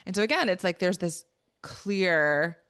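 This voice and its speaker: A woman's voice: lowish voice, animated, a little slow, fairly bright tone, no room sound, clean studio sound. A woman co-hosting a book podcast, talking through a novel in a thoughtful, emphatic way with plenty of fillers. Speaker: podcast co-host. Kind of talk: casual book discussion.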